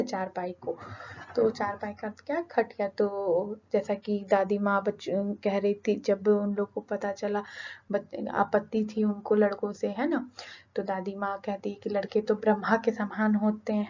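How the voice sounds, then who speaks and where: A woman's voice: mid-range voice, mellow. Woman teacher explaining a lesson, muffled. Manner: reads a passage aloud, then explains it in simple words; keeps checking in with "ठीक है?" and "है ना". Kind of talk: explaining a Hindi lesson to children. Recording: slightly muffled lo-fi sound.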